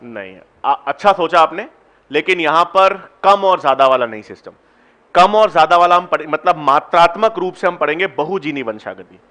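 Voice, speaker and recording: Teacher, male, high bright voice, coaxes students to try answers in a classroom. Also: expressive. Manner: coaxing, encouraging students to answer; slow, deliberate when explaining steps. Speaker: biology teacher. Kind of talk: classroom lecture with student questions.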